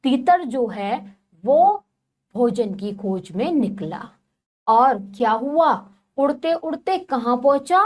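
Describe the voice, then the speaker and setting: A woman teacher reads a story aloud to children, then retells each part and asks them questions. Her fairly high voice rises and falls a great deal. She speaks very slowly and patiently. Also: animated.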